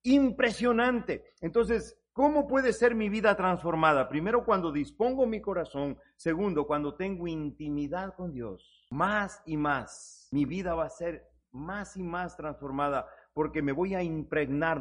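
A man preaching a sermon, earnestly addressing the listener as brother and rising to fervent emphasis on scripture. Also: a little high. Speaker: pastor.

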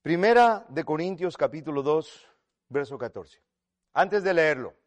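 A man preaching a sermon, swinging between loud declarations and hushed asides and speaking to each listener as "brother". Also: on the high side, animated, measured pace, dry recording. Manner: acts out quoted voices in retold scenes.

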